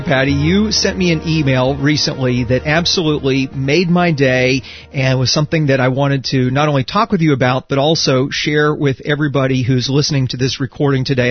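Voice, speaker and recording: A man's voice: mid-range voice, no room sound. Upbeat male host over a dull phone line. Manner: polished, upbeat interviewer. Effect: heard over the phone. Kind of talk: phone interview.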